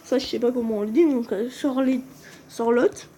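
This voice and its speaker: A woman's voice: on the high side, moderate pace, warm tone, a little hiss or hum. A woman giving casual commentary on a game video, hesitant and often stumbling over and correcting names. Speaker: gaming video creator. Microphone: phone screen recording.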